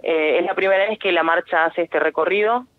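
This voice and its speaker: Woman on a tinny phone line. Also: lowish voice. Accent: Argentine Spanish. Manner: earnest, halting, with many fillers and restarts. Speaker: guest, activist coordinator. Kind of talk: phone interview on radio. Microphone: telephone.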